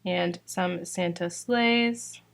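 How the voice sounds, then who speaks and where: Very slowly, a young Georgia woman walks through the new stickers in her shop, her fairly low voice carrying vocal fry and sounding slightly worn. She's chatty and casual, with lots of "like" and "um."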